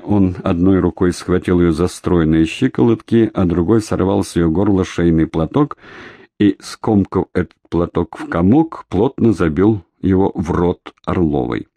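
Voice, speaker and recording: A man narrating an audiobook in a steady, dramatic reading. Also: low-pitched, no room sound, studio quality. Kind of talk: scripted narration.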